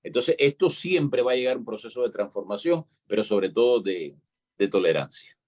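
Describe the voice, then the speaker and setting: A low, husky man's voice with a Cuban accent, talking like a teacher. He explains things at length in a casual show conversation and keeps checking that the listener follows. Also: expressive, moderate pace, darkish tone. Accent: Cuban Spanish. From Cuba. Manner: lecturing, explanatory, peppers talk with "¿entiendes?".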